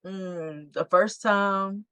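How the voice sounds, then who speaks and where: A woman's voice: medium pitch, extremely slow, fairly bright tone, clean tone, no room sound. Brief: woman in her thirties, podcast co-host, chatty, wry, medium voice. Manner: chatty, laughing, makes wry commentary. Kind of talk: casual chat.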